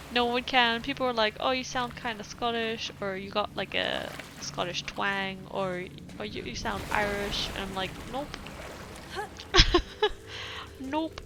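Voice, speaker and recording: Streaming a game, a young woman chats casually, reads letters aloud and laughs a lot, full of fillers, in a mixed European English accent from her British birth and European upbringing. She speaks slowly with long pauses in a highish voice. The background is noisy, with music playing.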